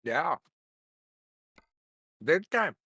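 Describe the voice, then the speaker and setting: A man's voice: fairly high pitch, big pitch swings, very slow, vocal fry, pushed and bright, husky, no echo, clean studio sound. A man chatting on a gaming stream as a co-player, throwing in teasing, playful quips. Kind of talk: casual gaming chat.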